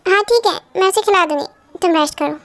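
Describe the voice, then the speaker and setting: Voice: extremely high pitch, quick pace, fairly bright tone, no room sound. A performer voicing a caring middle-aged mother who talks in a soothing, motherly way, in a fan-dubbed drama. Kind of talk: fan dub drama acting.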